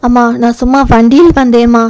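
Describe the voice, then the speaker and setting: A woman doing a tired gentle young mother. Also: fairly high pitch, fairly even intonation, a little fast, close to an everyday voice. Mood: pleading.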